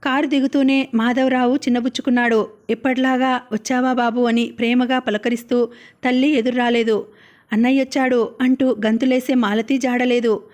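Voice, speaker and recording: A woman narrating a novel aloud as an audiobook reader, with a steady, even reading. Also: a little high.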